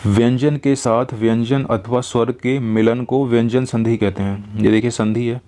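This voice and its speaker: A man's voice: mid-range voice, fairly even intonation, mellow. Man repeating grammar rules patiently. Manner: explains slowly, repeats each rule. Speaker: teacher. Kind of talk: grammar lesson.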